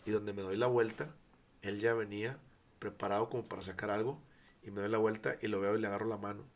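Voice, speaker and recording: Talking fast in a fairly low voice with little pitch movement, a Mexican man in his forties tells his faith testimony as a guest. The church founder acts out dialogue as he narrates, occasionally sinking to near whispers.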